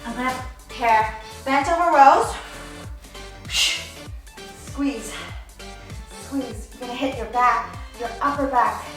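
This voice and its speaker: A woman's voice: sits high, fairly bright tone. A woman coaching a workout in a casual demonstration, playfully talking in hyped gym-bro slang. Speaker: fitness coach and presenter. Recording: very echoey room, background music. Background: music.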